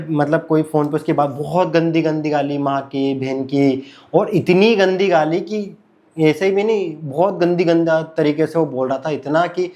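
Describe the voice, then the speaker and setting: A man's voice: on the high side, darkish tone. A man casually telling a personal story, repeating his phrases and speaking conversationally with fillers.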